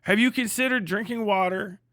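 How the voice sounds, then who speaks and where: Speaking fairly quickly in a high, fairly bright voice, this male livestream host delivers a casual rant with no echo behind it. He hectors bluntly, curses a lot, and imitates people mockingly in put-on voices.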